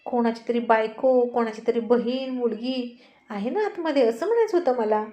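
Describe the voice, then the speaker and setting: A woman's voice: a little high, normal speed, mellow, muffled recording, natural voice. A woman voicing a brusque, teasing young man who speaks in a curt, bossy way in a spoken story. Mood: anxious.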